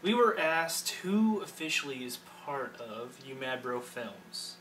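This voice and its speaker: Bright-voiced man in his twenties. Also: medium pitch, sing-song, unhurried, distant mic, slight background noise, rough recording. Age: 20s. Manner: rambling, self-correcting. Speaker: channel editor and online manager. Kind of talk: casual self-introduction to camera.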